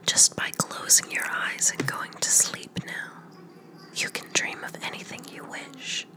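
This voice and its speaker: A woman podcaster whispering a bedtime story meant to send the listener to sleep, softly repeating words over and over. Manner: soft whisper, slow hypnotic repetition of words.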